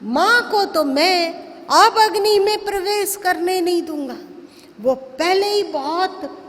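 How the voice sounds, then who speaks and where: A woman's voice: very high voice, takes it slowly, fairly bright tone, full character voice. A woman acting out a hot-tempered young warrior prince who angrily defends his mother, speaking in a long hall reverb. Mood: fierce. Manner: angry, threatening. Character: stern young warrior prince, fiercely protective.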